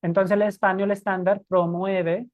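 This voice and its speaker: A woman's voice: mid-range voice, little pitch movement, measured pace, darkish tone, no room sound, dull audio. A woman teaching Spanish teachers in a live stream, explaining emphatically and correcting herself as she goes.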